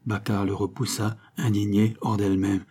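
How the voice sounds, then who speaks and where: Male audiobook narrator, low and husky, measured dramatic delivery. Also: level tone, dark tone. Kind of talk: novel narration.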